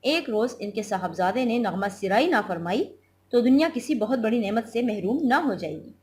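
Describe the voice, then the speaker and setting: A woman's voice: a little high, lively intonation, normal speed, darkish tone, a little hiss or hum, close to an everyday voice. A woman teacher reading the lines of a sick, irritable middle-aged husband from a play, in a peevish, complaining way.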